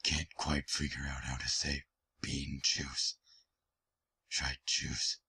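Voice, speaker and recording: A woman putting on a very deep, slow, breathy deadpan voice of uncertain sex, speaking in a drawn-out, halting way. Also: exaggerated voice.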